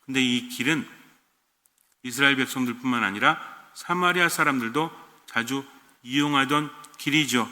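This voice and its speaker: A male priest preaching a homily in a bright, forceful voice. He talks with his listeners more than at them, firing off questions and slipping into blunt everyday speech. The sound carries a long echo, as if in a large church. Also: mid-range voice. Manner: conversational, asks the congregation questions; switches to blunt casual speech for emphasis.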